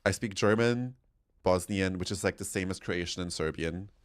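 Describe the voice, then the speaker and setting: Casting: young Austrian-accented male streamer, very low voice, chatty and giggly. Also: moderate pace, dry recording. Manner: chatty, laughs often, reads chat aloud. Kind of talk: casual livestream chat.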